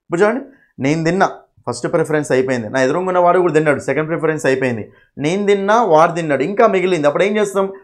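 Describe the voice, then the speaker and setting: A man's voice: a little high, racing. A man with a Telugu accent teaching English grammar in a classroom lecture, asking his students questions and then answering them himself, with a lot of repetition.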